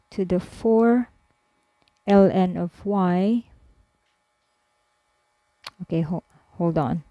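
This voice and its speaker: Slow, dark-voiced woman math tutor. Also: on the low side, no echo. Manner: slow, step-by-step explaining with frequent fillers. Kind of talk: screen-recorded math lesson.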